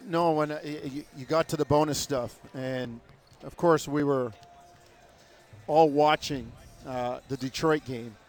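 A man co-hosting a sports interview. His voice is a little high, with faint music underneath, and he builds his questions haltingly, leaning on key words and telling small anecdotes. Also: steady tone. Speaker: sports radio co-host, interviewer.

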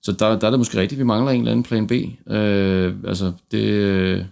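Male football podcast host, very deep with vocal fry, tentative and conversational. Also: little pitch movement, darkish tone. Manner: tentative, circles around his points. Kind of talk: casual football discussion.

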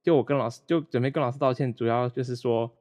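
A man's voice: medium pitch, steady tone, quick pace, a little mellow. A young man from Malaysia chatting casually over a remote call as a guest, rambling with frequent restarts and self-deprecating humor. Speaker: guest, former roommate.

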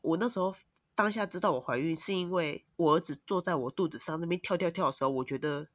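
A woman, a mother of two, telling long, animated stories as a podcast guest. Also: lowish voice, fast talker, no room sound, studio quality. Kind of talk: casual podcast chat.

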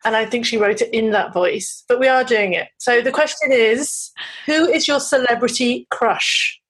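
A woman's voice: fairly high pitch, normal speed, a bit bright, husky, rough recording. A woman hosting a podcast, chatting playfully and teasing her guests. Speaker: podcast host. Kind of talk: casual podcast chat.

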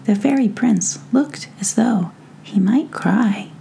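A woman reading a bedtime story aloud with soft, half-whispered narration. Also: on the high side, expressive, slow, vocal fry, slight background noise.

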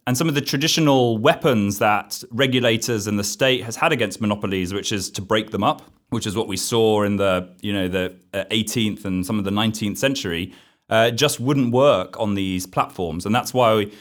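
Man, podcast guest, lower voice, explanatory, conversational. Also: normal speed. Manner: steady, explanatory, uneven pace.

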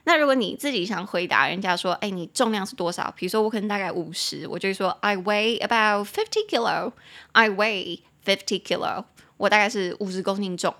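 Hosting a podcast that teaches English, this young woman talks in a mid-range, somewhat bright voice. The conversation is relaxed and full of laughter, and she takes her time to spell words out one letter at a time.

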